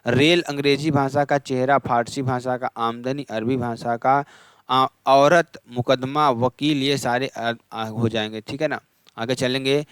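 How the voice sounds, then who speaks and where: A man's voice: medium pitch, fairly even intonation, a bit bright, clear, resonant tone, dry recording. A man teaching an exam revision lesson, rattling through lists and quizzing the class, asking questions and then answering them himself. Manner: rapid list-reading, repeats answers. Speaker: Hindi exam-prep teacher.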